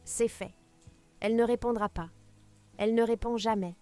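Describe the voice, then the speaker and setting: A woman's voice: on the high side, steady tone, normal speed, dark tone, soft background music, lightly acted. A woman voicing a hypocritical, greedy adult son who speaks in a smarmy, fawning way.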